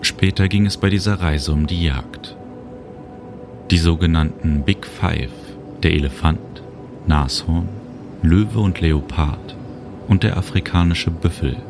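Very deep, gravelly-voiced calm male narrator. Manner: slow, calm, soothing. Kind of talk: guided relaxation journey narration. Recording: music bed under voice. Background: music and cricket sounds.

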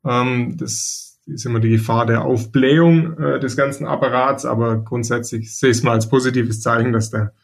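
A man discussing football club youth policy in a measured, reflective way, pausing often to find his words. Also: mid-range voice, steady tone, vocal fry. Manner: measured, reflective, frequent hesitations. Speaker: podcast co-host, football pundit. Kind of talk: casual discussion.

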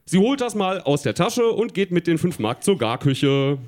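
Guy reading his kid story live, amused, voice goes up and down a lot, fairly high. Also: big pitch swings, moderate pace, darkish tone. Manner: amused, laughing through the reading. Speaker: reader at a live reading show. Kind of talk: reading his old childhood story aloud, with asides. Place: live stage before an audience.

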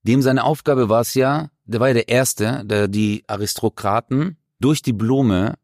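A male comedian from Germany talks as a podcast guest, a mid-pitched man with a dry, close studio sound. His storytelling is animated and slangy, leaping up and down in pitch as he acts out moments. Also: measured pace, no room sound. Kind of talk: casual interview chat.

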